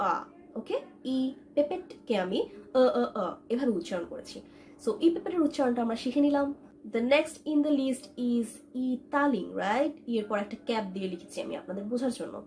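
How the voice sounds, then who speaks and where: A young woman with a fairly high voice gives an online language lesson. She is patient and repeats each vowel sound slowly, slipping into English now and then. A faint hiss sits under the recording. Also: warm tone. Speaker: language instructor.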